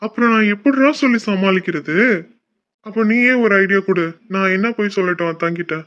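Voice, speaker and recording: A man performs cartoon voice acting as a caring older brother, coaxing his sister and reassuring her. The voice is high, brisk and a bit bright, and the audio is dull and lo-fi.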